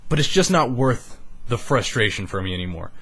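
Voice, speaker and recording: Speaking into a studio microphone, a young man of eighteen rambles earnestly through a candid vlog, cursing offhandedly with raw emotion. His mid-range voice is very animated, slightly quick, a bit bright and a touch rough.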